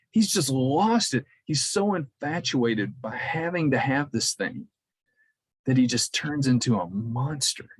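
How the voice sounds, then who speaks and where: A man preaching a conversational sermon in a church, halting often and repeating words as he restarts his sentences. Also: mid-range voice, a bit bright, breathy edge, no room sound, poor audio.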